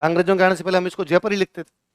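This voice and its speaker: A man teaches a class in a lecture and keeps quizzing his listeners. His voice sits fairly high and sounds clean and crisp. The recording is dry and close. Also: level tone, racing, no room sound. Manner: asks the class questions and answers them himself.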